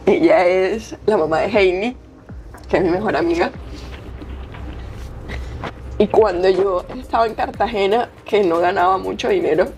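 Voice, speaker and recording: A woman's voice: medium pitch, moderate pace, long pauses, soft background music. A young woman with a Colombian accent, a tearful athlete telling stories in an interview and acting out the people she quotes. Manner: expressive, acts out quoted voices. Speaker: athlete guest. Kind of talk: emotional interview storytelling.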